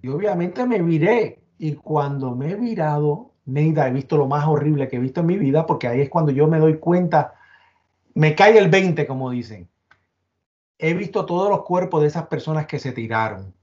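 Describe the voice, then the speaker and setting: A man's voice: a little high, expressive, darkish tone, dull audio. A man from Puerto Rico with a Puerto Rican accent, giving an emotional first-person account as an interview guest, often stumbling over and repeating his words. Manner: halting, repeats and restarts words under emotion.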